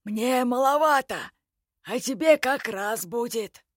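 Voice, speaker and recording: A woman voicing a sly, seasoned male elf warrior who speaks in a measured, crafty way. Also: fairly high pitch, dry recording, clean studio sound, voice pushed up.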